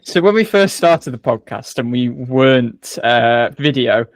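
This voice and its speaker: A man's voice: mid-range voice, animated, a little slow, no echo. A man co-hosting a podcast, chatting in a rambling, self-correcting way. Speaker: podcast co-host. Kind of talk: casual podcast chat.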